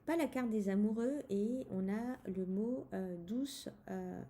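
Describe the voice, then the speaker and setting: A woman's voice: medium pitch, slow, dark tone, slight background noise. A woman presenting a tarot deck in a casual chat to the viewer, hesitant, with many fillers and restarts. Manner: speaks directly to the viewer. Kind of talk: casual spoken deck review.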